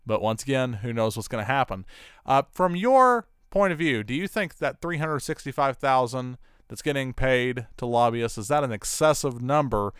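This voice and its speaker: A man hosting a radio interview, asking long, measured, multi-part questions. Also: medium pitch, expressive, a bit bright, clean tone, dry recording, studio quality. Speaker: talk show host.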